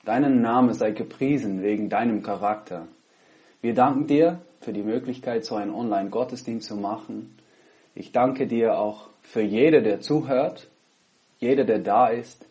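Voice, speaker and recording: Speaking from his laptop at home, a pastor from the Netherlands preaches and prays online in Dutch-accented German, earnest and full of pauses between phrases. He wears a headset, and his medium-pitched voice sounds mellow.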